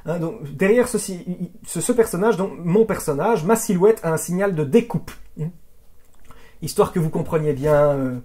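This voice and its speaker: A video editing instructor giving a software tutorial, chatty, asking rhetorical questions and often restarting words. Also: mid-range voice, moderate pace. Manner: chatty, with frequent "hop", "voilà" and "hein" fillers; asks rhetorical questions and answers them.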